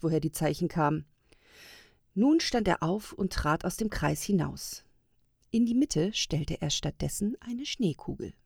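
A woman reads a storybook tale aloud in a calm, measured way. Her voice is fairly low with a gravelly edge, and her pitch moves a lot. The recording is close and dry, without room sound. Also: dry recording. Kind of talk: storybook narration.

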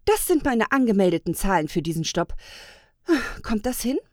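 A woman's voice: mid-range voice, very animated, normal speed, no echo, clean studio sound, pitched above the performer's own voice, lightly acted. A woman playing a cheery older gnome lady. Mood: cheerful. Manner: bright, cheery and chatty. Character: cheerful older female gnome train conductor, warm.

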